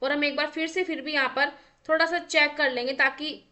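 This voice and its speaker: A woman's voice: high-pitched, fairly even intonation, a little fast, sharp tone. A woman teacher running an exam practice lesson, reading out options, asking for answers and correcting herself as she thinks aloud. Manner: quizzing, reads out options then asks for the answer.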